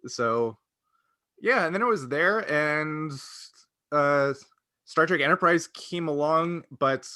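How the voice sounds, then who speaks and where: With a fairly high, sharp-toned voice captured in a dry, clean studio recording, a man co-hosts a podcast. He reminisces in a casual, rambling manner, hesitating and frequently doubling back on himself.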